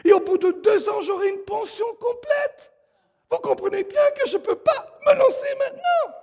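Preacher doing a fretful middle-aged man begging off, high and whiny, big hall echo. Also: animated, normal speed, a little mellow. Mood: pleading. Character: anxious middle-aged man clinging to his pension. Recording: long hall reverb.

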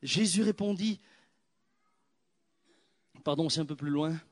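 Animated, high-voiced man preaching a sermon. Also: takes it slowly. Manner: animated storytelling, swinging from loud exclamations to hushed prayer.

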